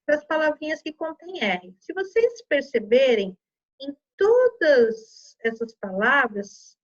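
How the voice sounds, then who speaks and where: Teacher lady, high voice, walks kids thru spelling patiently, kinda dull lo-fi sound. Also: big pitch swings, takes it slowly. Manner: patient, explaining step by step with many "tá?" and "né?". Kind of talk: online Portuguese lesson for children.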